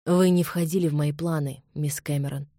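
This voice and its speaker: A woman reading the part of a suave young Scottish gentleman who speaks softly and calmly. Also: moderate pace, dry recording, clean studio sound. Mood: velvety, calm. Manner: soft, low, velvety and calm.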